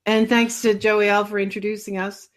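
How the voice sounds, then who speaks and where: A woman with a mid-pitched voice co-hosts a podcast. She speaks in a friendly, slightly hesitant way as she asks a guest to introduce himself. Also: flat delivery, moderate pace. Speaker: podcast co-host. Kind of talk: interviewing.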